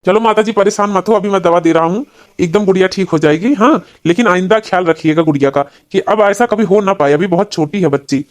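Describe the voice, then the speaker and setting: A woman's voice: lowish voice, brisk, natural voice. Stern middle-aged male village doctor voiced by a woman, scolding. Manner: scolding yet reassuring. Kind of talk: cartoon voice acting.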